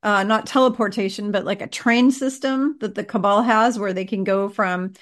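A woman's voice: medium pitch, steady tone, moderate pace. A woman in casual conversation, talking in a chatty way and chiming in to finish the other speaker's sentences.

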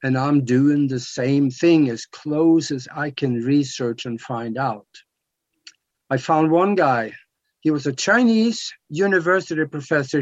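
On talk radio, a seventy-something Norwegian guest explains matters emphatically in a fairly high, Norwegian-accented voice. The sound is dull and lo-fi with no room sound.

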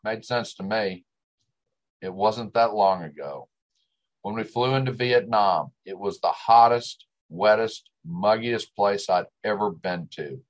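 A man's voice: lowish voice, takes it slowly. A man with a West Texas drawl and twang, telling a scripted first-person story as a dramatic monologue. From West Texas, United States.

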